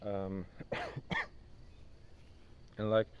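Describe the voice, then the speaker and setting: In narrow, tinny audio with a noisy background, a young man speaks extremely slowly in a low, monotone voice as he vlogs into his phone near a forest in the countryside. Not a native English speaker, he's chatty and loose, calling the viewer "bro." Faint insects and nature sounds can be heard.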